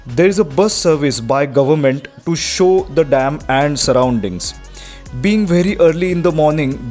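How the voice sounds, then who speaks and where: Higher-pitched Indian man narrating over music. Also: a little mellow. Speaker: travel vlogger. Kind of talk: scripted travel narration.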